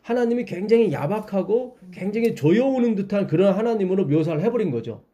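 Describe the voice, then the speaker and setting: A man's voice: high voice, lively intonation, brisk, dark tone, lo-fi sound. A man leading a Bible study, explaining patiently and asking his listeners questions.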